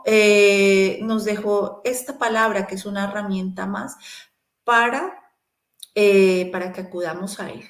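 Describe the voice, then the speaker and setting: A woman giving a sermon-style Bible teaching, encouraging and speaking straight to the listener, pausing with fillers as she looks up verses. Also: mid-range voice, roomy sound. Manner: encouraging, addresses the listener directly.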